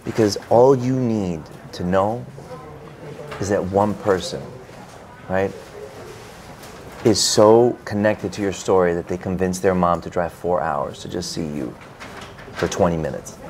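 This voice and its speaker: Animated man telling a story, lowish voice. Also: measured pace, pauses often, slight background noise. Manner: animated anecdote-telling, acts out his own reactions, many fillers. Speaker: author guest. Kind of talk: interview storytelling. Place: bookstore event space.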